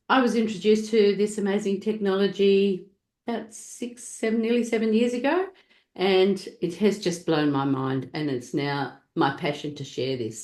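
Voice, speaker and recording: Woman, interview host, effusive and gushing, lowish voice, echoey room. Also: darkish tone. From Australia. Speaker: podcast host and natural health practitioner. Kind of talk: interview hosting.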